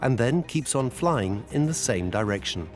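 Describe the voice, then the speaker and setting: A man's voice: medium pitch, lively intonation, moderate pace. A man giving a plain explanation as an expert in a documentary interview.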